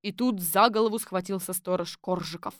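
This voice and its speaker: A woman narrating an audiobook for children. Her storytelling is lively and wry. The sound is dry and close. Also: lowish voice, brisk, no echo.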